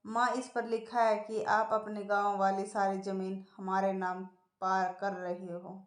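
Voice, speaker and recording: A woman's voice: medium pitch, flat delivery, unhurried, lightly acted. A woman voicing a scheming grown son who coaxes his mother, in a storybook reading. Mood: coaxing. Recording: echoey room.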